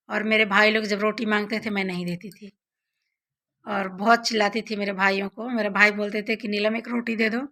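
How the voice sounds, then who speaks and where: Bright, chatty young woman vlogger. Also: a little high. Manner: chatty, addresses viewers as friends often. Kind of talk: casual storytelling to viewers.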